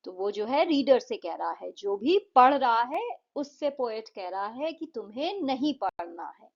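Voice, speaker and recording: A woman with an Indian accent, teaching an English lesson and explaining a poem in simple, patient steps, reading English lines aloud slowly. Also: on the high side, big pitch swings, highs cut off.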